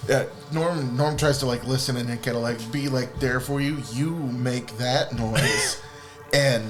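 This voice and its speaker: A man's voice: mid-range voice, unhurried. A man narrating as game master of a tabletop game, rambling and restarting, full of "like". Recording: background music.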